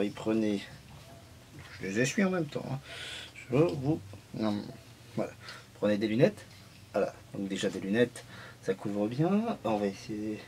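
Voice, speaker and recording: A man's voice: mid-range voice, noisy background. A man vlogging at home in a casual, joking film review, rambling and restarting his sentences often.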